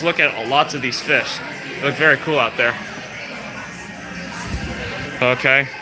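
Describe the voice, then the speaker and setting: Chatty young man, loud music behind. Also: on the high side. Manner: rambling, chatty, lots of fillers. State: out of breath. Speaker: vlogger livestreaming a theme park walk. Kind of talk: casual live walkthrough commentary. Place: outdoors at a theme park. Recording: phone livestream outdoors with loud music. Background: loud park music.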